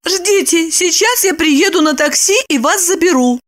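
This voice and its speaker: A woman reading an audiobook and voicing an excitable young woman who quickly turns indignant. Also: extremely high pitch, pitched above the performer's own voice. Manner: quick to flare up, exclamatory. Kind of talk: audiobook character voice.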